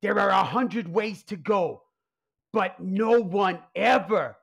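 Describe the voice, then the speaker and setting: Playing the same anxious mob boss father with a secret pizzeria in a comedic radio play, a man sounds dramatic, exasperated and blustering. His voice is high, slow, gravelly and husky with a fairly bright tone, all heavily acted.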